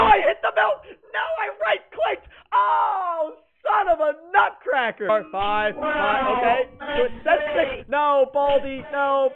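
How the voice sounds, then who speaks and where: A man in his twenties reacting like a scared horror game streamer, panicky and prone to yelling and exclaiming. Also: extremely high pitch. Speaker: gaming video host. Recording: tinny, phone-like, noisy audio.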